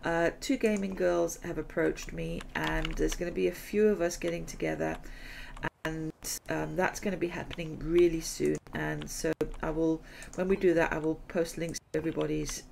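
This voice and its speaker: Over her gameplay, this middle-aged gaming host chats casually and rambles, laughing a lot even as her voice gives out. She sits low with a steady tone, a moderate pace, and a creaky, slightly mellow quality against slight background noise.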